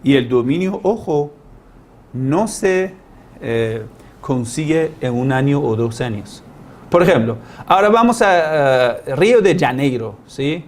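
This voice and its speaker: A man's voice: a little high, expressive, a little slow, slight background noise. A man who is a religious teacher, giving a lecture in non-native Spanish with grammar slips, explaining with rhetorical questions, homespun examples and humorous asides.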